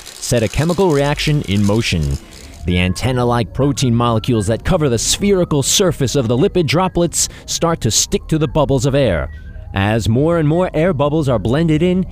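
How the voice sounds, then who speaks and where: Male host for a chemistry explainer, playful, very expressive pitch. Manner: lively, playful delivery. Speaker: show host. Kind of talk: scripted science explainer.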